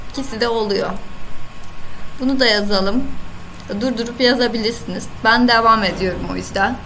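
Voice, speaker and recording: A woman with a Turkish accent teaching Arabic letters in an online lesson, patiently repeating each sound slowly. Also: fairly high pitch, bright, forceful tone, slight background noise, low-quality recording. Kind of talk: online lesson, screen-share.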